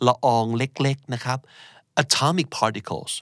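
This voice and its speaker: A man's voice: mid-range voice, a bit bright, no room sound, clean studio sound. A man teaching English vocabulary in a casual lesson, patiently explaining each word and repeating it. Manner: patient, explains words slowly and repeats them.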